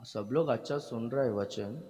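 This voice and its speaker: A man's voice: mid-range voice, normal speed, dark tone. A male pastor preaching a sermon to his congregation, with emphatic delivery, frequent hallelujahs and questions thrown to the listeners. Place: church hall. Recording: long hall reverb.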